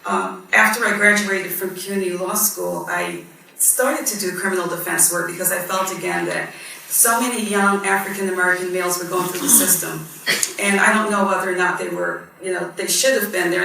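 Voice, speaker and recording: On a discussion panel where she serves as a judge, this woman in her fifties tells her personal story in an earnest, reflective way, frequently pausing with ums. She was born in Guyana and raised in Barbados, and her fairly low voice is gravelly and sharp at a moderate pace. An echoey hall, a far-off mic and faint noise shape the sound.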